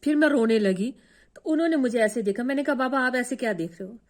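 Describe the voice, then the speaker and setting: Speaking quickly in an animated, somewhat high voice, a woman gives emotional testimony about her devotional experience. Her storytelling is earnest and returns to the same points again and again.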